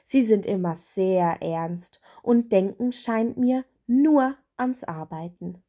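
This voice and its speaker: A woman's voice: slow pace, dark tone. Woman doing a grumbling old raven. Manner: grumbling, low.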